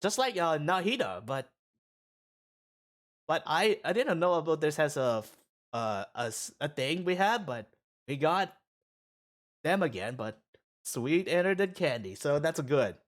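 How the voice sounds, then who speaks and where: Slow, lively man with morning voice. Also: a little high. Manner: halting, rambling, excited bursts. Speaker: gaming streamer. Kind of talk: casual gacha-roll commentary.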